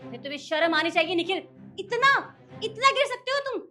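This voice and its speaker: A woman playing a scheming wife of the house who scolds and accuses in a sharp, demanding way. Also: very high-pitched, animated, brisk, faint music behind, heavily acted. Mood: accusing. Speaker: lady of the house.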